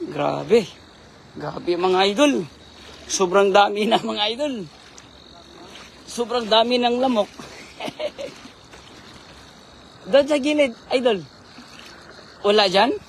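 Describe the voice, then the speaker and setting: A hoarse man doing casual live-stream commentary on a night fishing trip, giving shout-outs and spelling names for viewers. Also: sits high, animated, very slow, long pauses, slight background noise. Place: outdoors at night by the water.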